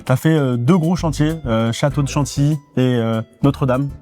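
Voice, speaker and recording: A man's voice: mid-range voice, moderate pace, mellow, soft background music. A man hosting a podcast, asking questions in a chatty, informal way with fillers. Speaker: podcast host. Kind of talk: casual interview.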